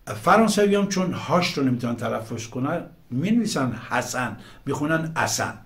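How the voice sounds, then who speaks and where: Emphatic middle-aged man in heated monologue. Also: medium pitch. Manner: emphatic, with sudden loud bursts. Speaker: host. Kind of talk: impassioned monologue.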